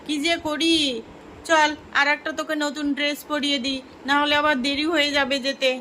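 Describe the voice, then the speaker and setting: A doting young mother doll, voiced by a woman in a homemade doll-play story. The voice sits high and bright, and it repeats little phrases to a baby. Each line comes tender and fussing. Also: flat delivery, brisk, a little hiss or hum. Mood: busy.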